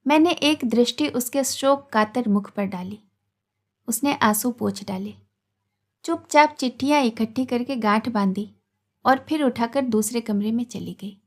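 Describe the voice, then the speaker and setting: A woman storyteller reading a literary story aloud in a measured, expressive way, voicing its characters as she goes. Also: a little high.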